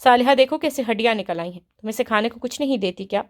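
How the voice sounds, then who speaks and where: A woman's voice: on the high side, natural voice. A woman voicing a fussy middle-aged aunt with affected sweetness. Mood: fussing. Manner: put-on sweetness, fussing.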